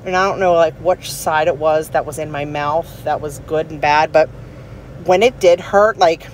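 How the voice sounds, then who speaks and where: A woman's voice: deep voice, moderate pace, a little hiss or hum. A woman in her forties chatting casually about a personal experience in a rambling, emphatic, conversational way. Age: 40s. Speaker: vlogger.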